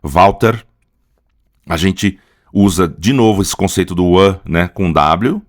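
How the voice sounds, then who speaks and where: Deep-voiced Brazilian man teaching. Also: measured pace. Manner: patient, often tags phrases with a questioning "right?". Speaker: language teacher. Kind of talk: explanatory pronunciation lesson.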